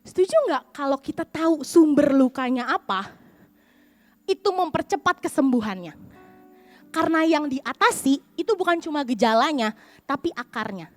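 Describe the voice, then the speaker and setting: A young adult woman pastor preaching in church, telling a personal story with lively acted-out dialogue. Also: high-pitched, normal speed, soft background music. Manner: lively storytelling, acts out quoted voices.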